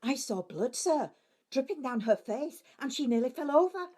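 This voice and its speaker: A woman's voice: high-pitched, expressive, normal speed, mellow. A woman playing a theatrical pantomime actress recounting events in an amateur courtroom audio drama. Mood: dramatic.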